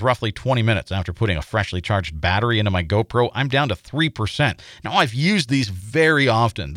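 An American man narrating a scripted paranormal feature as host, in a measured, suspenseful storytelling manner. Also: medium pitch, fairly bright tone, no room sound, clean studio sound.

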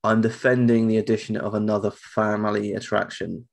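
A man's voice: fairly low pitch, level tone, a little fast, gravelly. A British man with a ropey, tonsillitis-affected voice, chatting casually as a podcast co-host. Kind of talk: casual chat.

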